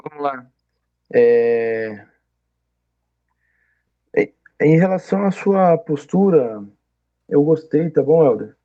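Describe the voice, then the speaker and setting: A man's voice: fairly high pitch, lively intonation, takes it slowly, long pauses, dark tone, muffled recording. A man acting as an oral exam examiner, giving patient, explanatory feedback and checking often that he is understood.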